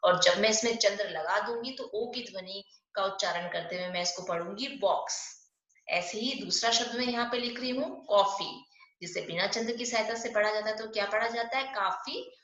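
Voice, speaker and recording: A woman teaching a primary school Hindi class online. She is patient, asks questions and answers them herself, and spells words out slowly. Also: mid-range voice, fairly bright tone, roomy sound, dull audio.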